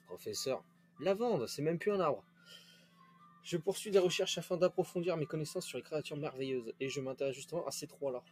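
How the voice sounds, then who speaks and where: A man's voice: on the high side, expressive, a little fast, a little mellow, soft background music, natural voice. A man reading out the lines of a cheerful, curious male professor from a game. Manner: reading game dialogue aloud.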